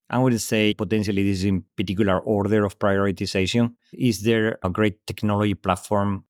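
A guest executive from Spain speaks English with a Spanish accent, giving thoughtful, structured answers in a podcast interview. His voice is on the low side, recorded dry with clean studio sound.

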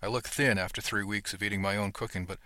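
A man narrating a first-person audiobook in an earnest, steady storytelling manner, close to the mic. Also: lowish voice, fast, dry recording.

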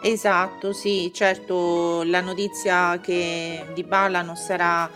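A woman's voice: fairly low pitch, little pitch movement, takes it slowly, music in the background. A woman calling in to a radio show by phone, chatting casually and hesitantly, searching for her words with many fillers. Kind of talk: casual phone-in chat about football.

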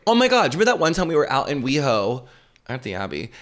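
Profane, animated man chatting on a podcast. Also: mid-range voice, fast talker. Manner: profane, animated storytelling full of "like". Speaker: podcast co-host. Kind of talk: casual chat.

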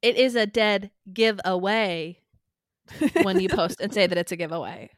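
A woman's voice: medium pitch, normal speed, no echo. A woman co-hosting a podcast, bantering and teasing her co-host with dry remarks. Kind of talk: casual podcast chat.

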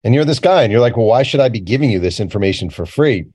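A journalist and author, guest on an interview, tells stories in a casual, informal way and often quotes snatches of remembered conversation, acting out the dialogue plainly. His voice is medium-pitched, animated and quick, with a dark, slightly rough tone.

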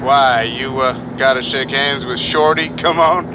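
An actor playing a cryptic trucker who talks in heavy CB slang, heard over a CB radio. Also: male voice, mid-range voice, fairly even intonation, a little slow. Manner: heavy CB trucker slang, ends turns with "come on". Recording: CB radio voice with loud engine noise.

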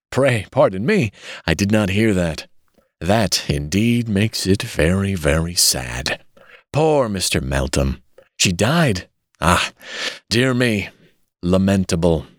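A man reading an audiobook, voicing a smooth, falsely sympathetic gentleman villain who speaks in a soft, consoling, slyly sneering way. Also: deep voice, sing-song, slow, pauses often, no room sound, clean studio sound, full character voice. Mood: mock mournful.

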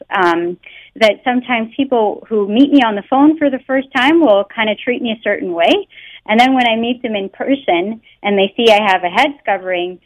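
Over a muffled telephone line, a Canadian woman with a slightly high voice speaks earnestly as a guest researcher in a phone interview. The recording is dry, and her Canadian English is sprinkled with "you know" and "um."

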